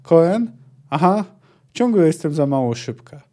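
A man's voice: sing-song, a little slow, dark tone. A man reading a book aloud and voicing a curious, stubborn young girl who is learning the sword. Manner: reading a book's dialogue aloud, raised pitch for the girl.

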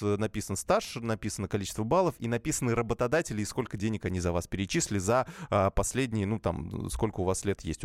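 A low-voiced man hosting a call-in radio show. He talks quickly and stumbles through fillers and restarts. The studio sound is dry and close. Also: no echo. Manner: hesitant, many fillers and restarts. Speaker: radio host.

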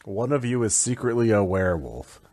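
A man's voice: on the low side, very animated, a little fast, a little mellow, dry recording, studio quality. A man chatting casually as a player in a tabletop game, laughing often.

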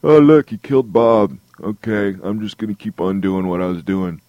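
A man's voice: fairly low pitch, moderate pace, a little mellow, no echo, lo-fi sound, natural voice. A man voicing a male Viking bystander who casually shrugs off a killing. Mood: indifferent. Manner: offhand, shrugging. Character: unbothered male Viking bystander, flat and indifferent.

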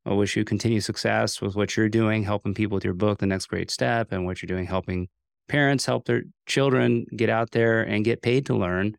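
A man's voice: lowish voice, fairly even intonation, moderate pace, gravelly, no echo, studio quality. An American man hosting a podcast, chatting casually with a guest. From United States. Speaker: podcast host. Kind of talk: casual interview chat.

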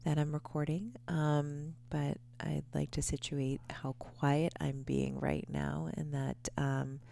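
A woman in her thirties hosting a podcast, talking quietly and half-whispering in a groggy early-morning voice at home, with many ums. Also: low-pitched, gravelly. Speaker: podcast host. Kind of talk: casual podcast monologue. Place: quiet home before dawn.

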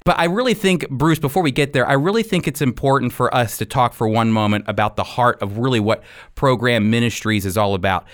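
A male radio show host with a smooth, resonant, mid-pitched voice presents a faith-based program. He speaks briskly and earnestly, leaning on plenty of emphasis.

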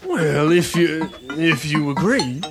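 A man puts on a boastful old stunt biker, all swagger and showmanship, in an improvised comedy bit. The voice sits high and gravelly and swoops widely. Music plays underneath. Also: lively intonation, slow pace. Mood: sly. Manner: showy, playful boasting. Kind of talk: improvised comedy role-play.

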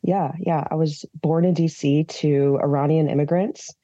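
A woman's voice: deep voice, fairly even intonation, moderate pace, mellow, dry recording, dull audio. A woman from Minnesota, a podcast guest, telling her personal story in an open, earnest way with fillers and restarts. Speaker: podcast guest, advocacy founder. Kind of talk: candid personal storytelling in an interview.

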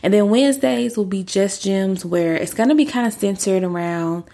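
This faith-based podcast host, a young woman six months into pregnancy, sounds slightly winded. Her voice is dark and deeper than usual, at a moderate pace. She addresses her audience casually and sincerely, chatty and fond of "y'all".

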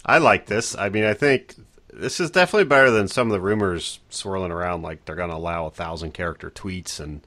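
A man's voice: deep voice, brisk, sharp tone. A man hosting a tech podcast, chatting casually with easy laughs and plenty of fillers.

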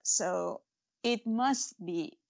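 She draws out her words in a lowish, gravelly voice. A guest author speaking English as a second language, she talks earnestly in a spiritual interview about faith and her stories, restarting frequently and using many fillers.

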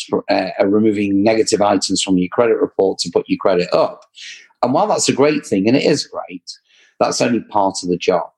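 His voice is lowish, darkish and husky, and the recording quality is low. An English-accented owner of a credit repair business, he appears as a guest in a relaxed conversation, advising earnestly and repeating things for emphasis.

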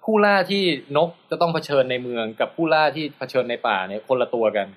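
A man co-hosting a relaxed talk show, explaining a news item at an easy pace. His voice sits in an average register, and he is chatty, often laughing and pausing on fillers as he thinks aloud. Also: mid-range voice. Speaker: podcast co-host telling a news story. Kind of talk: casual chat.

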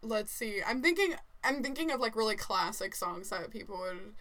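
A woman co-hosting a podcast in casual chat, often halting as she searches for words. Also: medium pitch, expressive, a bit bright. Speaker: podcast co-host.

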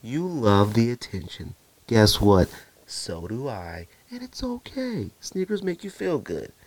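This Arizona podcast host speaks in a mid-range, slightly mellow voice with big pitch swings and a measured pace. Alone on his casual show, he rambles in slang and frequently imitates others.

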